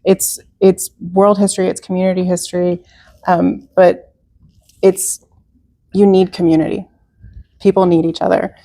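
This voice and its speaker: Low creaky-voiced woman interviewee. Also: little pitch movement, normal speed, pauses often, no echo. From Czech heritage, raised in America. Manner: warm, earnest, with fillers and restarts. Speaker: museum representative. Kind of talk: conversational interview.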